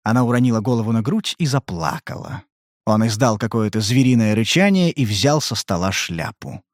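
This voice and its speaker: A man narrating an audiobook in an even, measured way. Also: on the low side, no room sound, studio quality. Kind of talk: scripted narration.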